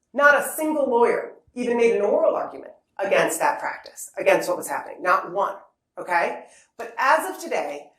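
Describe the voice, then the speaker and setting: A woman professor giving a formal public lecture with conversational asides, speaking emphatically and checking in with her listeners. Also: on the high side. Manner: emphatic, checks in with "okay?" and "right?". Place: lecture hall before an audience. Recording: echoey hall, distant mic, faint noise.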